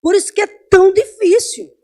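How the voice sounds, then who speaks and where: A high-pitched woman, teaching a Sunday Bible class in a church. She talks conversationally and keeps asking her listeners questions. Her voice swings from loud to soft as she tells stories. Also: fairly even intonation, moderate pace.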